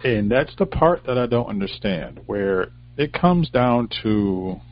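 A man in casual discussion, arguing his points in a measured, deliberate way. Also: on the low side, very animated. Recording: dry, dull lo-fi recording.

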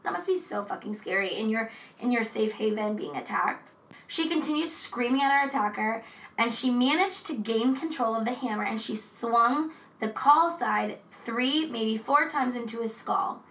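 A woman co-hosting a casual true crime chat, talking in a chatty, profane way with animated asides. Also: on the high side, moderate pace, echoey room, far from the mic, poor audio. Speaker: podcast co-host.

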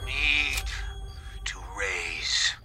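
A man voicing a creepy male landlord who mutters in a drawn-out whisper over the phone. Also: fairly low pitch, animated, over music. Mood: menacing.

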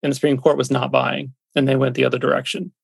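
A man's voice: medium pitch, level tone, quick pace, creaky, husky, no echo, clean studio sound. A man being interviewed as an expert, explaining in a conversational way.

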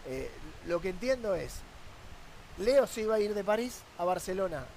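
A man's voice: sits high, very animated, normal speed, gravelly, darkish tone, slight background noise. A man with an Argentine accent, a sports journalist arguing his point on a football talk panel with rhetorical questions.

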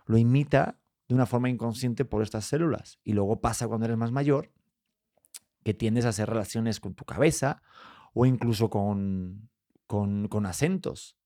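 A man's voice: lowish voice, moderate pace, mellow, no room sound, studio quality. A man with a Spanish accent, a podcast co-host musing in casual chat with asides and restarts. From Spain.

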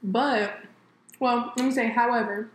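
A woman's voice: on the high side, steady tone, a little slow. Chatty woman from California, echoey room. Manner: chatty, laughs easily, addresses viewers as y'all. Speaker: co-host. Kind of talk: casual chat. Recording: echoey room with faint ambient noise.

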